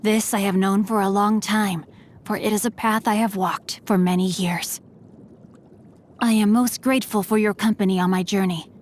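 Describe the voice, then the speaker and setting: Using a medium-pitched voice close to her everyday one, a woman reads game lines at a moderate pace with fairly even intonation. She plays a refined young male swordsman-scholar, courteous and playful, sounding polite, composed, formal and gently teasing, with faint noise behind.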